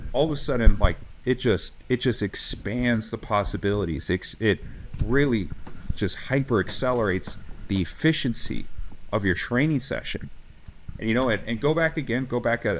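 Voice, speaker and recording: A man's voice: fairly low pitch, expressive, moderate pace, a little hiss or hum. A man co-hosting a podcast as a strength coach, talking casually and ranting with passion, swearing freely, full of fillers and restarts.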